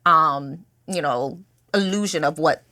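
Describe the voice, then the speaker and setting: A middle-aged woman talking as a podcast guest, lively and conversational, often checking in with "right?". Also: deep voice, slow pace. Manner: animated, tags statements with "right?". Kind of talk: conversational interview.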